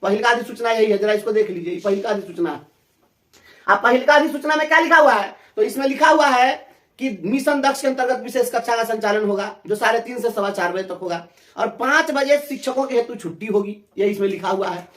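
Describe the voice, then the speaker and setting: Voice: mid-range voice, fairly quick, fairly bright tone, roomy sound. A teachers' representative from Bihar with a Bihari Hindi accent, giving a fiery, sarcastic interview answer and repeating phrases for emphasis.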